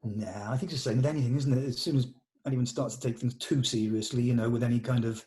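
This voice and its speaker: A man leads a script read, narrating stage directions informally and matter-of-factly, with a slight hesitance. His medium-pitched voice is steady in tone, fast, and mellow.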